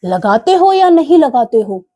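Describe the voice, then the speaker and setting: Lady putting on a naughty little storybook rat, squeaky-high and bossy, drags out threats real slow. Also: big pitch swings, dark tone. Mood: cheeky, bossy. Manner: bossy, boastful, threatening in a slow sing-song. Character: cheeky, hot-tempered little male rat.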